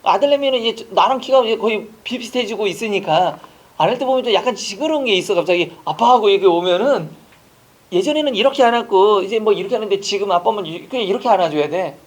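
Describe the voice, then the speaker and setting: A man's voice: sits high, lively intonation, fast talker. A man in his forties teaching an exam-prep grammar lecture, chatty, asking rhetorical questions and acting out short dialogues.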